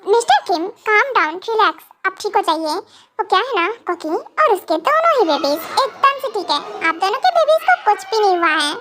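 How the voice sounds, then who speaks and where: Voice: very high voice, very animated, normal speed, very noisy. A reader voicing a polite, deferential doctor in an amateur fan dub, speaking soothingly.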